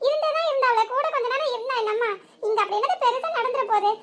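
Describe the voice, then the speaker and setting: A woman's voice: very high-pitched, fast, fairly bright tone. A woman voicing a chatty, teasing young village wife in a comic cartoon, with a southern Tamil Nadu accent and gossipy muttered asides. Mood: grumbling asides.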